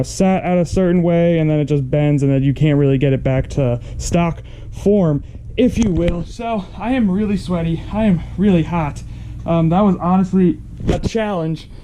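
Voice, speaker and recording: A man's voice: a little high, dark tone, slight background noise. A young man vlogging casually about a car project in his garage, chatty and rambling with fillers. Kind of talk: casual vlog talk to camera. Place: hot home garage. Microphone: camera set down nearby.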